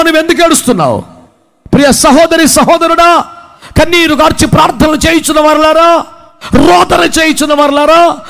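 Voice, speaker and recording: Very high-voiced male preacher. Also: vocal fry. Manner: rhetorical questioning, scolding, with sudden shouts. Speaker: pastor. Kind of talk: sermon.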